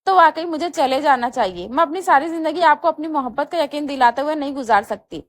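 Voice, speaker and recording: A woman's voice: high-pitched, animated. A woman reading the lines of a hurt, tearful young wife in a romantic novel.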